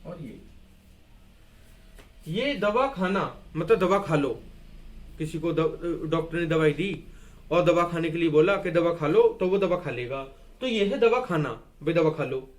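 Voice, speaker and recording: A high-voiced man teaches Hindi grammar in a classroom-style lesson at a board, with lively intonation, an unhurried pace and long pauses. He asks and answers his own questions, repeats key words, and writes and erases on the board as he explains.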